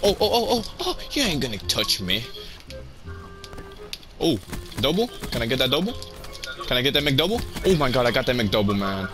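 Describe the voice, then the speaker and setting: Gaming host, young man, lively pitch swings, hyped banter over voice chat with game music behind. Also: moderate pace, long pauses. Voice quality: joking, hyped, animated. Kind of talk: casual gameplay banter.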